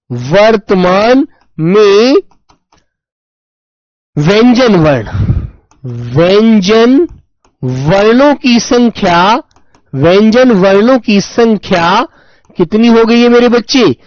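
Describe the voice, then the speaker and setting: A man teaching an online exam-prep Hindi lesson, dictating slowly, repeating words and calling his students "my dear children". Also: high voice, dry recording, highs cut off. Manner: slow, drawn-out dictation with many repetitions, addresses students as "my dear children".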